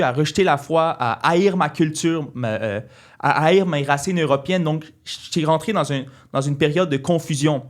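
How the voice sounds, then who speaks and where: Earnest young man. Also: on the high side. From Quebec. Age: 20s. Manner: earnest, halting with many restarts. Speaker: interview guest. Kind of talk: casual interview talk.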